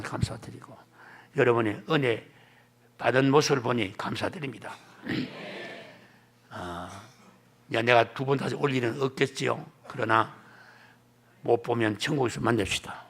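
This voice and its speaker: A man's voice: medium pitch, unhurried, creaky, pauses often, a bit bright, husky. An older man with a Gyeongsang accent preaching a revival sermon and prayer in a church, in a folksy, emphatic cadence. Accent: Gyeongsang Korean. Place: church sanctuary.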